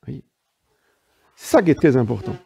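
A man preaches a sermon in a didactic, emphatic way. His pitch rises and falls freely, and his voice is gravelly with a mellow, dark tone. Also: sing-song, normal speed. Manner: didactic, emphatic asides, frequent "hein" and "vous voyez". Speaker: priest.

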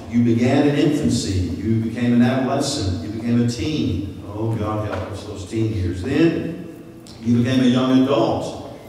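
An older pastor preaches a sermon to his congregation in a church sanctuary, gesturing animatedly as his voice leaps high to act out what people say. A lectern stand mic picks him up from a distance, a little off-axis, with a long echo through the roomy hall and a faint ambient hiss beneath.

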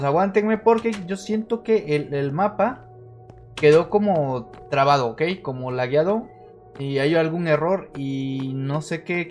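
Jumpy, excitable man playing a horror game. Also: on the high side. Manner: jumpy, excitable, yells and laughs when scared. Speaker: gaming streamer. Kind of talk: let's-play commentary.

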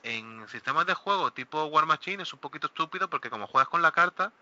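A man hosting a casual hobby talk show, animated and exclaiming, often acting out what other players say. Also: on the high side, fast talker. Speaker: host of a miniature wargaming talk show. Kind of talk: casual panel chat. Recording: dull lo-fi recording.

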